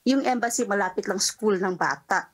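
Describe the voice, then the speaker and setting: A woman's voice: medium pitch, moderate pace, low-quality recording. A young woman calls in to a late-night radio show to confide a personal story. She rambles, restarts, and acts out each line of dialogue. Nervous little laughs keep breaking through. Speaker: caller.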